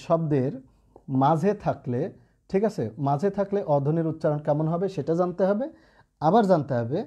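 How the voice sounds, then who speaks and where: Patient, mellow-voiced teacher man. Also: on the high side. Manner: explains patiently with frequent check-ins and repeated phrases. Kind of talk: classroom-style lesson.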